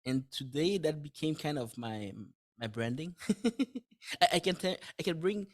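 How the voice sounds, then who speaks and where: Slightly high-pitched with lively intonation at normal speed, the French-native guest, a dentist and author, chats casually on a podcast. Frequent restarts, simple wording, light laughs and thinking aloud mark how he talks.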